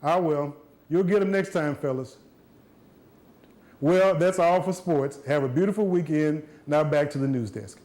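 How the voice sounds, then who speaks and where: A man's voice: on the high side, measured pace, a little mellow. A young man delivering a sports report for a student news show, wry and joking.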